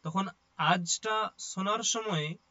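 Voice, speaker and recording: A man's voice: high voice, takes it slowly, sharp tone, muffled recording. Man explaining a lesson step by step. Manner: explains step by step, often asks "ঠিক আছে?". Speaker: Sanskrit teacher. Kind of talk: explanatory lecture.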